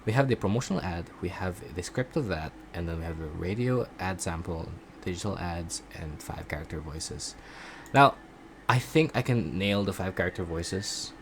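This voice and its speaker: A man chatting casually in a video diary about his voice acting classes, rambling and halting, often poking fun at himself. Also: low voice, animated, a little hiss or hum. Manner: self-deprecating. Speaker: voice acting student vlogger.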